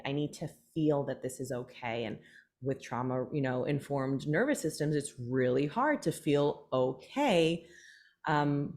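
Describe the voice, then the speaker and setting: Low-voiced woman, animated podcast host. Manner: animated, many fillers and restarts. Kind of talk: casual conversation.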